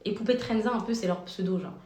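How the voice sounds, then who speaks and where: A woman's voice: medium pitch, fast talker, dark tone, echoey room. A young woman vlogging to her followers, telling a story in a chatty way, full of fillers and restarts, recorded on a phone. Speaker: social media vlogger.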